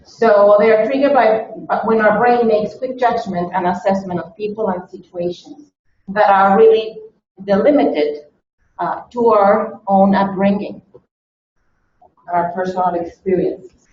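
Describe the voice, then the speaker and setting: A Chilean woman who teaches languages gives a workshop lecture on bias in a meeting room, explaining point by point and often checking in with "okay?". Her mid-range voice is darkish, fairly even in intonation, at a measured pace. The recording is distant, echoey and dull, with slight background noise.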